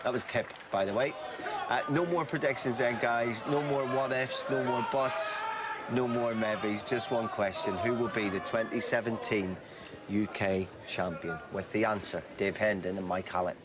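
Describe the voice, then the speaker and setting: A man's voice: lowish voice, steady tone, moderate pace. A man presenting a sports broadcast with a scripted link to the commentators. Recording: loud background noise.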